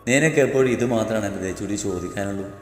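A man voicing a kind, caring older brother who speaks softly. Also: on the low side, rapid-fire, voice pushed down, natural voice. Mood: tender. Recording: echoey reverb with background music.

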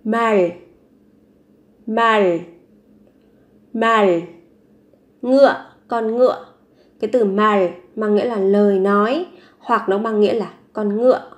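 Slow, patient woman teaching vocabulary. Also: medium pitch. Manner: repeats each word three times, then explains it patiently. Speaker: language teacher. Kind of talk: vocabulary lesson, repeating words slowly.

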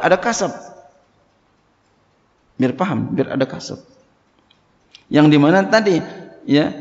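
A man teaching a religious text, reading Arabic passages and explaining them in plain Indonesian, with casual asides and repeated key phrases. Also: on the high side. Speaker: Islamic boarding school teacher. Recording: long reverb, dull lo-fi sound.

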